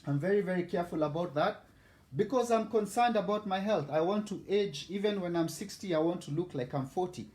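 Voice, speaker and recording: A man's voice: high-pitched, a little fast, a little mellow, reverberant. Boastful Kenyan man in his forties. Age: 40s. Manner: boastful, chatty, addresses viewers by name. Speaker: host. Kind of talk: casual live cooking vlog.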